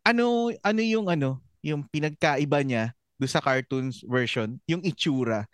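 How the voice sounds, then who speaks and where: Podcast co-host, man, casual, filler-heavy, smooth tone. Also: fairly high pitch, expressive, a little slow, dry recording, clean studio sound. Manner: searching for words with frequent fillers. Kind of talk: casual chat.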